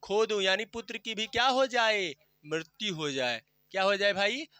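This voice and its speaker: A man with a high, very bright voice teaches a class, explaining a poem line by line. He keeps asking questions and answering them himself. The sound is dry and close, with no room echo. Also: clean tone. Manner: recites verse slowly and drawn out.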